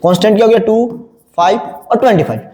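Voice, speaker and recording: A man teaching a math class, firing quick questions at his students and answering them himself. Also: sits high, warm tone. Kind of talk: classroom lecture. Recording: echoey room with long reverb.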